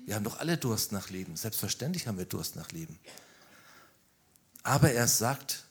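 A man preaching a sermon, telling the story with animated emphasis and rhetorical questions. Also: on the low side, normal speed, husky.

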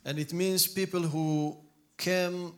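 A man in his forties gives his testimony in English at a church, in short halting phrases with pauses. His voice sits a little higher than most men's, and he often repeats a word while searching for the next one. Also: flat delivery. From Ethiopia. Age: 40s. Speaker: guest speaker.

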